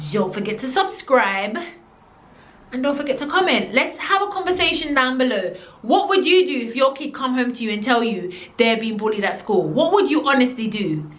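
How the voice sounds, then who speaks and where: In her storytime vlog, a young Jamaican woman living in the UK speaks to camera in a blunt, emphatic way, sliding into patois. Her voice is a little high and a bit bright, with a roomy sound around it.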